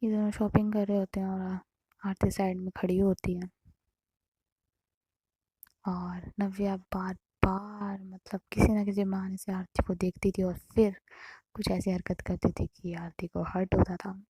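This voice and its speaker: Husky, low-key woman storyteller. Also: little pitch movement, unhurried, no echo. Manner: conversational, hushed. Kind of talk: casual story narration.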